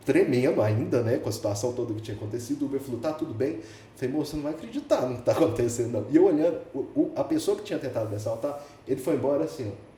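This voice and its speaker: A man's voice: mid-range voice, expressive, rapid-fire, warm tone. A man with a Brazilian Portuguese accent, a podcast guest telling a story with energy, acting out the dialogue and laughing often. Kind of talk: animated storytelling. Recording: echoey room, mic at a distance, faint background hiss.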